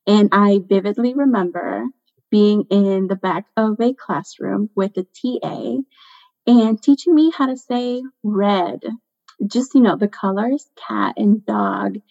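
A woman's voice: medium pitch, a little mellow. A young woman from Guatemala, a budget coach, telling her story as a guest on a podcast interview, earnest and reflective. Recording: muffled lo-fi sound.

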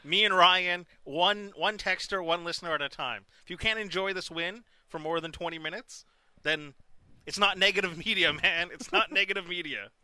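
A man co-hosts live sports talk radio. His voice is very bright and forceful, a little high, recorded dry. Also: moderate pace, dry recording.

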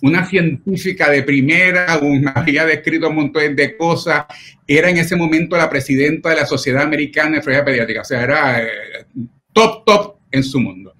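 A middle-aged man with a slightly raised pitch, speaking as a pediatric doctor in an interview. He tells his stories earnestly and with visible feeling, often checking in with short tag questions. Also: fairly quick, pushed and bright. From Puerto Rico. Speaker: pediatric nephrologist. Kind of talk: personal storytelling in an interview.

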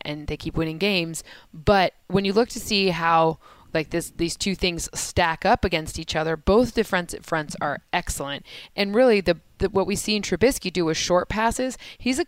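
A woman co-hosting a casual football chat, running through stats quickly, correcting herself mid-sentence and laughing easily. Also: mid-range voice, clear, resonant tone, no room sound. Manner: rapid stat-heavy analysis, laughs easily, self-corrects. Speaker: sports podcast co-host and analyst. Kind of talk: casual sports analysis chat.

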